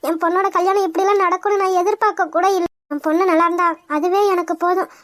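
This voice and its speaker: A tearful, gentle widowed mother in a cartoon, played by a woman. The voice is extremely high, thin and almost childlike. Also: level tone, fast, no room sound, clean studio sound. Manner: emotional, gentle. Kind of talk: cartoon voice acting.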